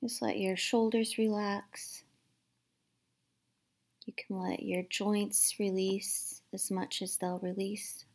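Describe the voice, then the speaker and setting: A woman leading a guided meditation in a soft, soothing, unhurried manner, with long pauses between instructions. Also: medium pitch, little pitch movement, vocal fry. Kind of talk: guided meditation, instructing listeners to relax and breathe.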